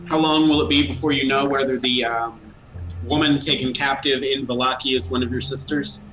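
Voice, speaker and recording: A man's voice: mid-range voice, fairly even intonation, a little fast. A man playing a tabletop role-playing game, moving casually between in-character talk and banter, in a roomy recording. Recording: roomy echo, background music.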